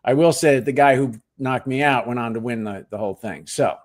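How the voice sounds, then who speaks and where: A middle-aged actor and Marine veteran from New Jersey, USA, chats as a guest in a casual interview, telling stories at an easy yet brisk pace. He's relaxed and self-deprecating, trailing off into quiet, low asides as he finishes thoughts.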